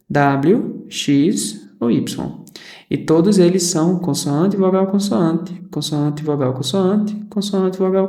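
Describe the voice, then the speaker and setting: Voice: medium pitch, mellow. An English teacher, patiently explaining grammar in a recorded lesson, repeating examples and checking in with the listener. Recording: echoey room.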